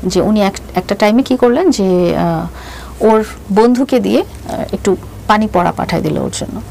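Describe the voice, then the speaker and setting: A middle-aged woman with a Bangladeshi accent shares her personal story as an interview guest, slipping into English phrases and frequently restarting when she hesitates. Her mid-range voice is animated and dark-toned, with vocal fry, at a moderate pace. Noticeable background noise runs through the recording.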